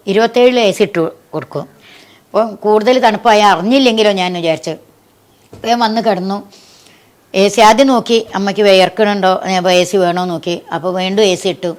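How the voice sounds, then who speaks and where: A woman being interviewed, telling a personal story in an earnest, tender way that sinks soft at the saddest points. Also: mid-range voice. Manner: earnest and tender, voice sinking soft at sad moments.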